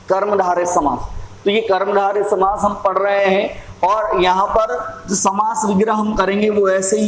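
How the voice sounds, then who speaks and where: Slow, level-voiced male grammar teacher. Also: high-pitched. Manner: slow, repetitive, drawn-out explaining, clears throat often. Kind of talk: slow classroom explanation. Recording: echoey room, faint ambient noise.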